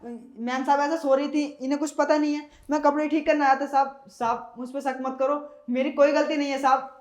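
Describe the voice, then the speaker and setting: A guilty young house servant begs for forgiveness in a short film drama, meek and stammering, as a woman acts him out. The voice sits fairly high for the part. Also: flat delivery, fairly quick, darkish tone, lightly acted. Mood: pleading.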